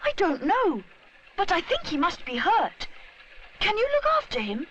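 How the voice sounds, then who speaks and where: A woman's voice: very high-pitched, huge pitch swings, measured pace, a bit bright, highs cut off, slight background noise, voice pushed up, full character voice. A woman voicing an eager, kind and curious young boy bear for a children's cartoon story, earnest and full of exclamation. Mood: concerned.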